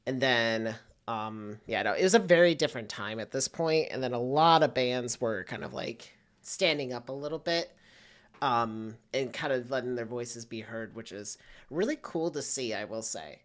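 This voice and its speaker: A man's voice: mid-range voice, lively intonation, normal speed. A young man giving a casual music reaction, enthusiastic and rambling with lots of fillers. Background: faint music playing.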